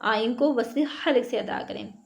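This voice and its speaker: A woman teaching Quran letter sounds, drilling syllables slowly one by one and then explaining how each is pronounced. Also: on the high side, gravelly. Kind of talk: slow recitation lesson. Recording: dull lo-fi online lesson audio.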